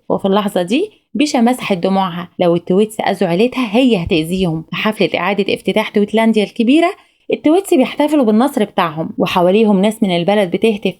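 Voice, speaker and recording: A woman with an Egyptian Arabic accent narrating a recap of an animated film in a brisk, even storytelling manner. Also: medium pitch.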